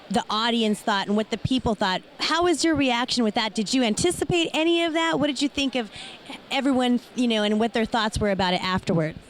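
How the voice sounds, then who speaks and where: A woman with a slightly high voice works as an interviewer, putting questions in a casual, chatty style. There is faint ambient noise around her. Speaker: interviewer, horror show host.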